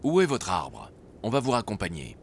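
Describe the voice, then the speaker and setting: A man voicing a calm, reassuring father boar in a storybook. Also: on the low side, moderate pace, vocal fry, slight background noise, heavily acted.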